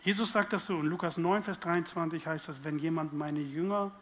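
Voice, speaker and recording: A man's voice: on the high side, fairly even intonation, a little fast, a bit bright, a little hiss or hum. A man preaching a sermon, speaking directly to his listeners with questions and acting out inner voices. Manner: acts out inner voices in quotes.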